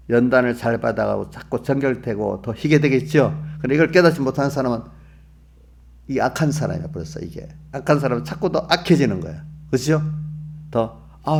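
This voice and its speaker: In a church, a male pastor with a mid-range, creaky voice delivers an early-morning sermon, with slight hiss or hum in the recording. He speaks conversationally, often poses questions to his congregation, and acts out the inner voices of believers.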